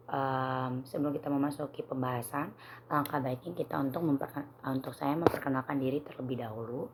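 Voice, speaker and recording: A young woman with a hoarse voice, giving a formal, careful prepared student presentation. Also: very deep voice, quick pace, heavy background noise. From Indonesia. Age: young adult.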